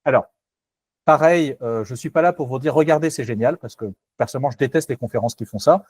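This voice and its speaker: Husky man giving a technical webinar. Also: medium pitch, brisk, no echo. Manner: hesitant, self-correcting, candid and skeptical. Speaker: webinar presenter on AI research.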